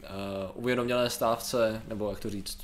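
A man with a mid-pitched voice trades sarcastic jokes in a loose, casual chat. He slips into animated rants now and then, talking with easy irony. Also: a little hiss or hum. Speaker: podcast co-host.

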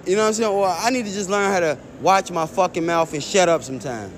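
Man, high-pitched, cussing and rambling, show host, faint traffic outside. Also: fast talker. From Chicago. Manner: profane, rambling storytelling. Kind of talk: casual monologue.

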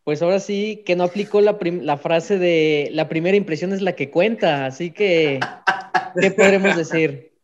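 A man's voice: sits high, normal speed, noisy background. A man, a radio co-host asking playful, teasing questions. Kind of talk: radio interview hosting. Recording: dull lo-fi sound.

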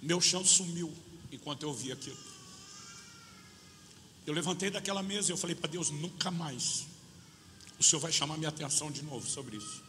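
A Brazilian man in his fifties preaches a sermon with a Brazilian Portuguese accent, his voice high and bright. He tells the story as a preacher does, acting out each side of a conversation and slowing down on the key words. The sound is a long, reverberant hall with a faint hiss behind it. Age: 50s. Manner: storytelling preacher acting out both sides of a dialogue. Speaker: pastor.

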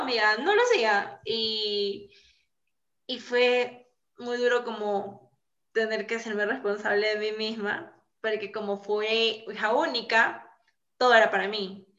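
A woman in her twenties telling her story in a casual podcast chat over a video call, animated and full of fillers. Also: fairly high pitch. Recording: echoey lo-fi call audio.

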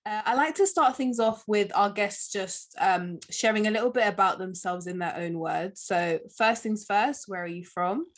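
A woman's voice: mid-range voice, moderate pace, few pauses. A woman hosting a podcast, reading a scripted introduction and asking questions in a friendly manner with hedging fillers. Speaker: podcast host.

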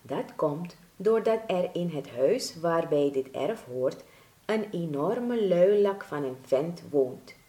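A wise old grass blade with a plume leads his family in a deep, hushed whisper. A woman reads him, slow and unhurried, and the room gives a soft echo. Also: animated. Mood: explaining. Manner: whispering, lowered voice. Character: bossy wise male grass blade leader. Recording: roomy echo.

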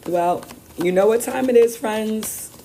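Slow-talking woman with a worn, rough voice. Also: on the high side, mellow, a little hiss or hum. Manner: affirming, emphatic, repeats phrases. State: voice worn and rough after a weekend of celebrating. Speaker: host of a spiritual card-reading show. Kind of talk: upbeat spiritual talk, weekly card reading.

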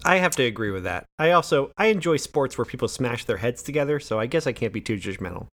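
Male co-host, rapid delivery, middle pitch, dry self-deprecating jokes. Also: expressive, a bit bright. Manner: quick, jokey, self-mocking. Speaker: podcast co-host. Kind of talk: casual conversation.

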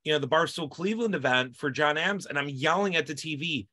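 Male co-host, somewhat high, bright tense voice, heated sports rant. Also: fast. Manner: heated, emphatic. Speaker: podcast co-host. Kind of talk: casual sports chat.

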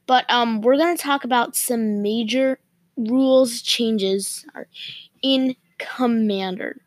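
A woman hosting her podcast, talking casually with the hiccups, pausing often and halting between phrases. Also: on the high side, no echo. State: has the hiccups. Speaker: podcast host. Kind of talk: casual solo podcast talk.

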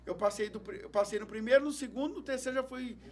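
A man's voice: very high voice, fast talker. A man, a stand-up comedian telling brash, crude stories in a podcast interview. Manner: brash, joking, crude humor. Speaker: stand-up comedian and radio host. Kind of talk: comic storytelling in a podcast interview.

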